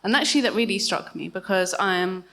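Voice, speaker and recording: A woman on a live book panel, speaking chattily with small laughs and quick self-corrections. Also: medium pitch, animated, a bit bright. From Scotland. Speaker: panelist, writer. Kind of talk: casual chat at a live panel.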